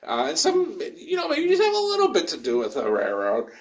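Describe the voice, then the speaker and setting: A man with a lively, swooping and fairly high voice hosts a live online program in a chatty way. He rambles along in a folksy, informal style. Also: brisk. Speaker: host and president of a rail education group. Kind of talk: casual live virtual presentation. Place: underground in a copper mine.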